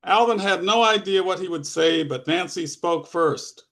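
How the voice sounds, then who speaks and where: A man reading from his own short fiction in a steady, plain narrating voice. His tone sits a bit high for a man and carries a gravelly rasp, with casual asides between passages. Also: normal speed.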